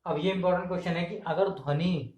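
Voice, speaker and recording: Male tutor, higher voice, drills terms by asking and answering, camera audio in an echoey room. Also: fast, a little mellow. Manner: asks questions and answers them himself, repeats key terms. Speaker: exam-prep teacher. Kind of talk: classroom lecture. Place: indoor room filmed on camera. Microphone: camera mic.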